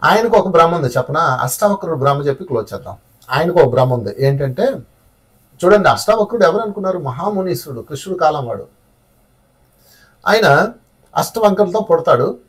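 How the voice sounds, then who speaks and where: A man's voice: on the high side, animated, a little fast, pauses often, fairly bright tone, slightly rough, recorded from a distance. A man teaching a spiritual class, telling stories in a conversational way and asking his listeners rhetorical questions.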